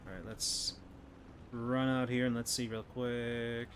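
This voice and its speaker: A man's voice: medium pitch, flat delivery, slow pace, slight background noise. Man, gaming streamer, live commentary, swearing, faint game sounds behind. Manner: swearing, frustrated outbursts at the game.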